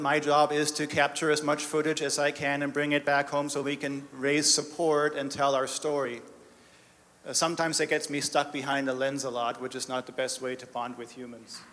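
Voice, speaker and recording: A man's voice: a little high, a bit bright. A man giving a heartfelt testimony as a director of development, telling stories in an earnest, emotional way. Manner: earnest, storytelling, emotional at times. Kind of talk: live testimony talk with slides. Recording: reverberant hall.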